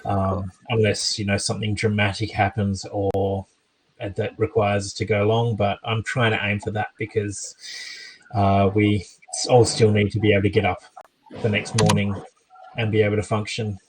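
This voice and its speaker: A man runs the table as game master, his voice sitting a little low. He talks in a loose, rambling way, full of ums and uhs. It is a relaxed stream wrap-up. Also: normal speed, slightly rough, poor audio. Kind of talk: casual stream chat.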